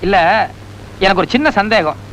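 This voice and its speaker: An actor playing a newcomer to the village who questions the locals briskly, in a film scene. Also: male voice, sits high, very animated, a bit bright, a little hiss or hum, poor audio. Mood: curious. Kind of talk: Tamil film acting.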